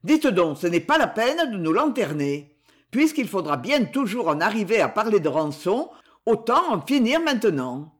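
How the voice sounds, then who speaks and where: A woman voicing a blunt, impatient gentleman who demands to settle things. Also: mid-range voice, sing-song, moderate pace, lightly acted. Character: bold defiant middle-aged man deputy.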